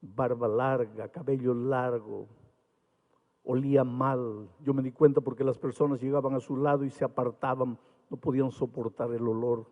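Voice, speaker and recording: A man from Peru, a pastor, preaching an evangelistic sermon with impassioned rises and quiet storytelling. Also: mid-range voice, fairly even intonation, moderate pace, lo-fi sound. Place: large arena. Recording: long hall reverb.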